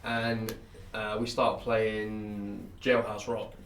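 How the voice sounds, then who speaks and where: A man, co-hosting a podcast and telling animated, swear-filled stories in casual chat. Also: on the low side, very slow, a little hiss or hum. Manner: animated storyteller, swears freely. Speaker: podcast co-host. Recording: roomy echo, mic at a distance, faint ambience.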